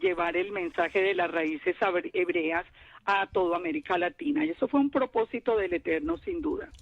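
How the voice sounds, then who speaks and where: A woman in her fifties, a Torah teacher answering radio interview questions in an earnest, measured way. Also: fairly low pitch, very animated, creaky, narrow, tinny audio. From Colombia. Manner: earnest, measured storytelling with restarts.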